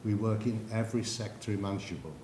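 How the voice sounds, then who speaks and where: An English man delivers a presentation in a lecture hall, turning to the audience with questions and stories. His voice sits a little low, and the room rings with echo under a faint hiss. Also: fast talker. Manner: anecdotal, addresses the audience directly. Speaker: conference speaker.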